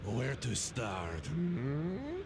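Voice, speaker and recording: Pompous RPG gentleman, formal, unhurried, swooping intonation, clear background noise. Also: mid-range voice, wildly swooping pitch, full character voice. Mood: musing, self-important. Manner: formal, deliberate. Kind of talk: English video game voice acting.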